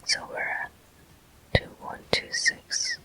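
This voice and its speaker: In a hushed whisper, a gameplay host gives ASMR commentary on a game walkthrough, calmly explaining in brief phrases separated by pauses.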